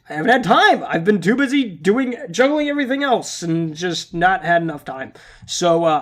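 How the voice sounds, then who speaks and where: A young man with a high-pitched voice hosts an update vlog for his gaming channel. He rambles casually in a playful, self-deprecating way, sounding slightly scratchy and nasal from congestion.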